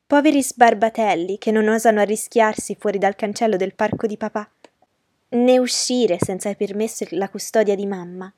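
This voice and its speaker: A woman's voice: mid-range voice, moderate pace, a little mellow, dry recording, natural voice. A woman reading aloud and voicing a proud, mocking young noblewoman who talks in a commanding, scornful way. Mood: haughty. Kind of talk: audiobook character reading.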